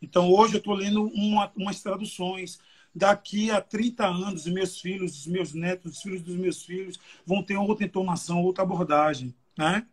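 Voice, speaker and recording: An evangelist preacher with a Brazilian Portuguese accent delivers a sermon at a youth church service streamed live. His high voice has a steady tone, normal speed and a breathy edge, and he speaks emotionally and conversationally with many fillers.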